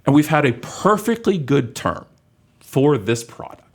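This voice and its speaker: A man in his fifties co-hosting a podcast, telling animated, joking stories in casual chat. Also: a little high, measured pace. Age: 50s. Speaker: podcast co-host.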